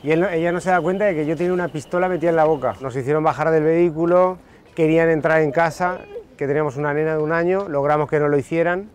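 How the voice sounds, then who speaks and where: This middle-aged man from Spain speaks fast in a fairly high, fairly even voice with an Aragonese accent. He's being interviewed during a casual chat while touring, explaining things loosely with frequent fillers.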